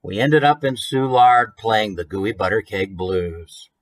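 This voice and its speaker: An American children's author in his thirties reads his own book expressively to viewers from a small room at home, adding chatty asides and questions for listeners. His voice is on the low side with lively intonation and an unhurried pace, on a low-quality recording.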